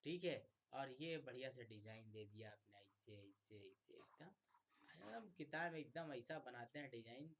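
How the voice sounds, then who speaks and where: A man teaching an online electronics class, repeatedly asking questions and answering them himself, loud on key words and quiet on asides. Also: mid-range voice. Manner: asks and answers his own questions, repetitive, coaxing; swings between loud emphasis and quiet asides.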